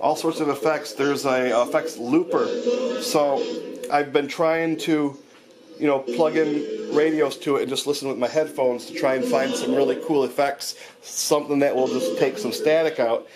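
A man's voice: medium pitch, steady tone, moderate pace, over loud music, poor audio. A man hosting a spirit box session in a casual, rambling, conversational way, often putting questions out. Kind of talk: casual monologue to camera. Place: indoor room with guitars and amp.

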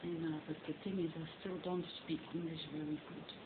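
A woman's voice: low voice, level tone, brisk, narrow, tinny audio, very noisy. A middle-aged woman from Belgium with a Flemish accent and Flemish as her first language, chatting in a rambling home vlog in her bedroom, recorded on a cell phone. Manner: chatty and rambling, fond of the word lovely. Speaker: reborn doll hobbyist. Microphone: phone camera on a stand.

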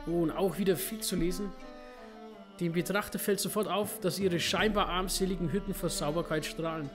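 Over music, a man with a high voice, fairly even intonation and moderate pace hosts a let's play. He reads in-game books aloud steadily, occasionally slipping and then correcting himself.

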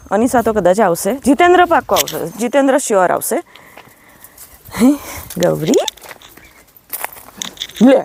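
A Gujarati woman chatting casually in a vlog, often calling to her child and her cows in a high, coaxing sing-song voice, outdoors on a farm. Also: darkish tone, a little hiss or hum. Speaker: vlogger and mother.

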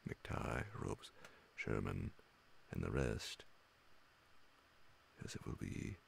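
Close to a large studio condenser microphone and wearing headphones, a middle-aged man reads classic horror stories as an ASMR audiobook. His extremely low voice has heavy vocal fry, and he speaks slowly and softly with frequent pauses over a faint hiss or hum.

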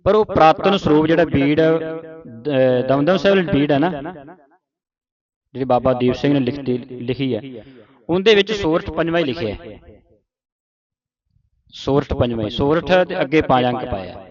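A man with a Punjabi accent teaching a line-by-line recitation lesson, patiently repeating words slowly for a student. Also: on the high side, lively intonation, muffled recording, a crowd in the background. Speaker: Gurbani pronunciation teacher.

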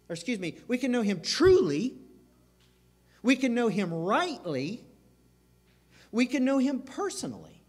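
A man's voice: extremely high pitch, darkish tone. A man preaching a sermon as pastor, earnest and emphatic, circling back over phrases. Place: church sanctuary. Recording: reverberant church sanctuary.

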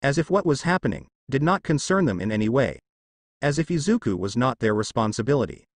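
A man's voice: mid-range voice, very animated, brisk, no room sound, studio quality. A man narrating a scripted fan story in a dramatic storytelling manner.

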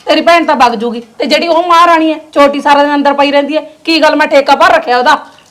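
A resentful, sharp-tongued wife, played by a woman nags her husband in a high, fast Punjabi-accented voice. She talks quickly and stays quarrelsome. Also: fairly even intonation. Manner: quarrelsome, nagging.

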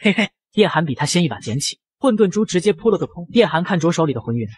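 A man narrates a comic recap at a rapid pace. His voice is somewhat high and slightly husky. It sounds dry and close. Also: sing-song, no echo.

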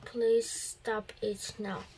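A woman voicing a nervous bat living in a cave, reading slowly and plainly. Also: medium pitch, little pitch movement, noisy background. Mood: uneasy. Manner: slow, plain read-aloud delivery.

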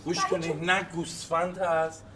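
An actor playing a calm husband who reasons slowly and jokes dryly. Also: male voice, a little high, a loud crowd, close to an everyday voice. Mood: deadpan. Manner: slow, deliberate, dryly reasoning. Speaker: father of the missing boy.

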